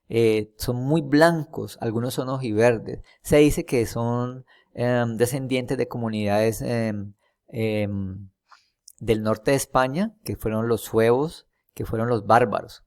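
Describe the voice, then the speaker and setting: A man's voice: mid-range voice, darkish tone. A Colombian man teaching a casual history lesson, rambling with many fillers and restarts, often checking in with his students. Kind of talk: casual classroom lecture over a map.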